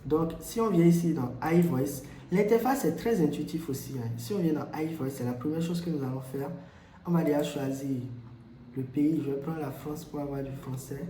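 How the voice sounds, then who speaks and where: A man presenting a software tutorial, explaining steps with frequent hesitations and repeats. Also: fairly high pitch, moderate pace, a crowd in the background. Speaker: tutorial host. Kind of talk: screen-recorded software tutorial. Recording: echoey room.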